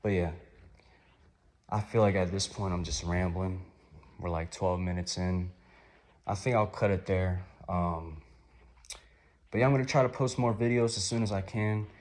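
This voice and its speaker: A man in his twenties, somewhat hoarse, talking through a rambling, upbeat, reflective vlog. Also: deep voice, fairly even intonation, moderate pace, long pauses. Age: 20s. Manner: rambling, upbeat, gently motivational. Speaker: vlogger.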